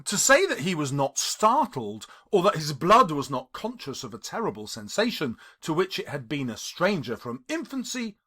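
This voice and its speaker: The reader is a man and English teacher whose slightly high voice sounds pushed and bright. He performs a classic story as a scripted audiobook, delivering lines theatrically with dramatic stresses and strong emphasis.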